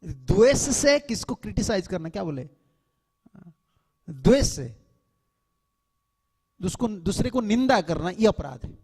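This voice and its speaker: Preaching swami with a raised voice in a reverberant hall. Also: male voice, sits high, very animated, measured pace, long pauses, darkish tone, husky. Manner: earnest, admonishing, mixes English words into speech. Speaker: swami lecturing devotees. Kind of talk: temple lecture on scripture. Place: temple hall.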